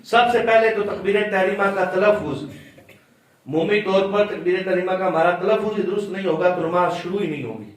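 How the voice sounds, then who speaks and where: A male religious teacher giving a classroom lesson on prayer. He explains patiently, quizzes his students, and stretches words out when he demonstrates how to say them. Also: high-pitched. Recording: very echoey room, distant mic.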